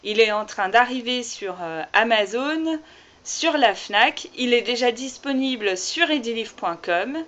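A woman's voice: on the high side, lively intonation, unhurried, a bit bright. Chatty woman vlogger, dull lo-fi sound. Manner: chatty, many fillers like "voilà" and "euh". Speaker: author unboxing her own book. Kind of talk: casual vlog chat.

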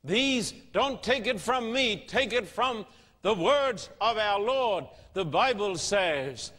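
Bright high-voiced man preaching emphatically. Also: animated, slow. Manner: emphatic, rhetorical questions. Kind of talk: sermon. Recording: long hall reverb.

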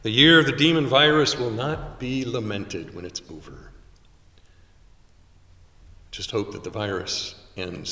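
A man in his sixties preaching a sermon from a pulpit in a small chapel, with measured delivery and dramatic pauses. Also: on the low side, fairly bright tone. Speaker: chaplain. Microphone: stand mic at pulpit, far camera. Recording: roomy chapel echo from far off.

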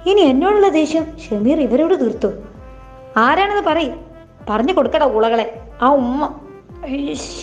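A woman reading a novel aloud, taking every part herself at an even, unhurried pace. Her voice sits high and sounds mellow. The recording is dull and lo-fi, with faint music underneath. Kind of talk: dramatized novel reading, first person.

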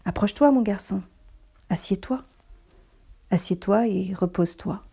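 A woman's voice: mid-range voice, measured pace, creaky, warm tone, breathy edge, heavily acted. A woman voicing a generous, loving old tree in a read-aloud storybook, speaking tenderly with a slightly raised voice.

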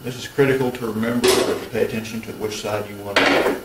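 Fast and fairly even in intonation, a man in his thirties with a fairly low-pitched voice lays out each stage of a woodworking build. The delivery is practical and matter-of-fact, captured by a distant mic in a roomy garage workshop where tools are audible.

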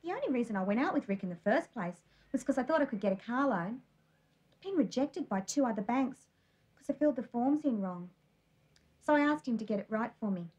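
An actress playing a sharp-tongued, sarcastic young woman with an Australian accent, talking in a dry monologue. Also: fairly high pitch, animated, fairly quick, slightly rough, rough recording. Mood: sardonic.

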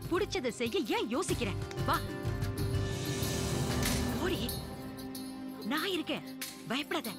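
A woman's voice: high voice, expressive, takes it slowly. Fierce, protective old village grandmother. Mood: urging, protective. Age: older. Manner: urging, tender yet commanding. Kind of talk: film dialogue. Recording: film soundtrack with loud music.

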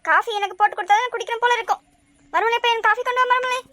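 Cartoon mother-in-law, older, bossy, nagging, very high, bright voice, dry sound. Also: very fast, no echo. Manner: scolding, nagging. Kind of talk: cartoon voice acting.

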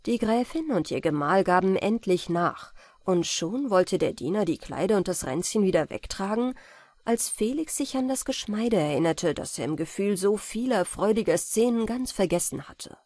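Ruhige Vorleserin, trockener Klang. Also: female voice, medium pitch, lively intonation, moderate pace, a little mellow, dry recording. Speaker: audiobook reader. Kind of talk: calm storybook narration for sleep.

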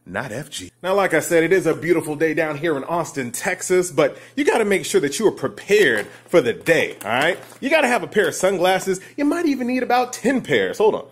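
A man's voice: fairly high pitch, fairly quick, few pauses, husky. A man talking casually and playfully to the camera in his home vlog, speaking slangy and straight to viewers. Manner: playful, animated, slangy, addresses viewers directly. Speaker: vlogger.

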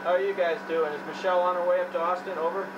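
A man's voice: high voice, fairly even intonation, very fast, highs cut off. Male astronaut on a walkie-talkie style radio link: faint, buried in static, friendly report. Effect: two-way radio transmission, ending turns with "over". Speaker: astronaut in orbit. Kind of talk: amateur radio contact. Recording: distant, noisy radio link.

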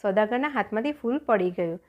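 Animated woman telling a children's story. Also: mid-range voice, fast talker, dull audio. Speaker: audiobook narrator.

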